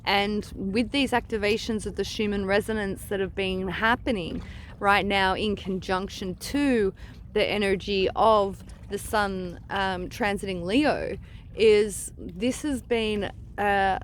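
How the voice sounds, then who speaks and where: A woman with a medium-pitched voice talks in an earnest, meandering vlog style, often trailing off and circling back. She is outdoors on a beach, and the noise of rushing water runs behind her words. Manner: earnest, digressive, trailing off mid-thought. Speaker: spiritual vlogger giving psychic energy guidance. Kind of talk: casual rambling monologue to camera.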